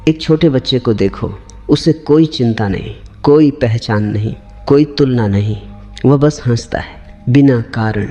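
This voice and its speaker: Male spiritual teacher, mellow voice, calm repetitive discourse over faint music. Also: mid-range voice, a little slow, lo-fi sound.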